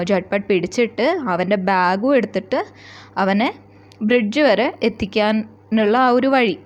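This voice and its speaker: Woman teacher explaining a story, lo-fi. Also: mid-range voice. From Kerala. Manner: reads lines slowly, then explains them quickly and chattily.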